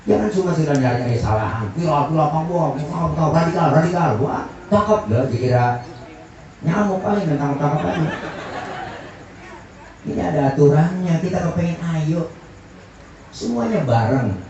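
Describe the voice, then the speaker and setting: Brief: male preacher, comic sermon, slightly high voice, heard from afar in a muffled, echoey setting. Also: animated. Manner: joking, teasing the crowd with quick asides. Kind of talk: humorous sermon. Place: outdoor community gathering. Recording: distant, echoey, muffled crowd recording.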